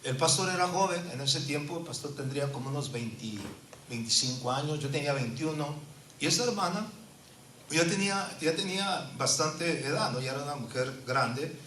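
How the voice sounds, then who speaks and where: A pastor in his fifties preaches earnestly, often adding tag questions, his bright, forceful voice ringing out. He sounds set back from the microphone in an echoey church, with faint noise underneath. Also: fairly high pitch, expressive, normal speed, far from the mic. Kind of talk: sermon with personal testimony.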